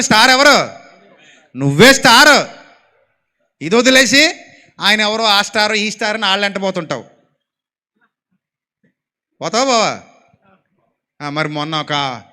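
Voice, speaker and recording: A man preaching a sermon in a high, bright voice. He fires rhetorical questions and has the congregation repeat lines after him. His volume swings between soft asides and loud, ringing calls. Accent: Telugu. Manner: exhorting, asks the congregation to repeat lines aloud.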